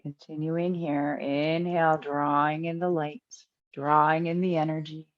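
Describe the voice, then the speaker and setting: In a muffled recording, a woman with a low voice teaches breathing meditation. Her pace is calm and unhurried, with long pauses separating each direction.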